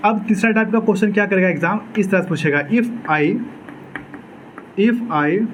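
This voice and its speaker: In an exam-prep English grammar lecture, a man poses his own questions and answers them, repeating key words. His voice is high-pitched at a normal speed, and the low-quality recording carries slight background noise.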